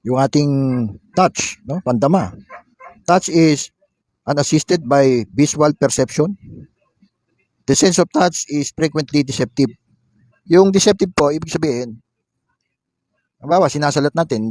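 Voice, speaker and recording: A man's voice: a little high, moderate pace, long pauses, a little mellow, no room sound. A man giving a classroom lecture, reading definitions aloud and explaining them with a frequent questioning "no?". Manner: explanatory, frequent tag "no?", reads English definitions then explains. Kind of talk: classroom lecture mixing Tagalog and English.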